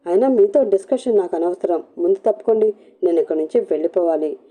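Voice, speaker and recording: A woman's voice: lowish voice, fast, narrow, tinny audio, lightly acted. A woman voicing a scared young woman begging and pleading in a storybook reading. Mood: tearful. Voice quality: pleading, tearful. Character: frightened young woman, begging, fleeing a captor.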